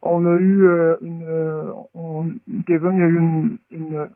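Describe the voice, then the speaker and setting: Caller: man with an electronically disguised, pitched-up voice, defensive and stammering, over a tinny phone line. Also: flat delivery, measured pace, no echo. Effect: electronically disguised voice, pitch-shifted. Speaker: radio caller. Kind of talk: phone-in radio call.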